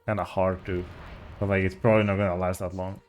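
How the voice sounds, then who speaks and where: A man with a fairly low voice talks casually over his gameplay. He rambles and chats with viewers, full of restarts and fillers, while soft music plays underneath. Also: flat delivery, quick pace. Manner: rambling and chatty, with frequent restarts and "like". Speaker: speedrunner streamer. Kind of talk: casual live-stream commentary.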